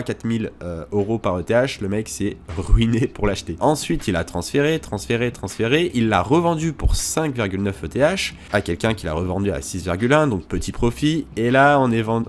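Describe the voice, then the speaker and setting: A man's voice: lowish voice, slight background noise. A man hosting a crypto tutorial, talking casually through a screen walkthrough with hesitations and asides.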